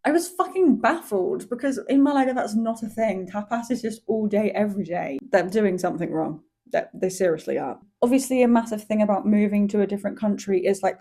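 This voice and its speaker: A young woman vlogging about her week in a chatty, candid way, full of fillers and the occasional swear. Her voice is mellow and warm, sitting at an ordinary middle pitch. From Spain. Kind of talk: casual vlog chat.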